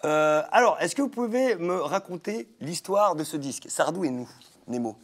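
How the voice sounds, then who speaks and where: Lively, playful young male TV host. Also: fairly high pitch, moderate pace. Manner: playful, laughing, hyped. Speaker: TV show host. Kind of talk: lively studio chat, interviewing guests. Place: TV studio set. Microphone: handheld mic.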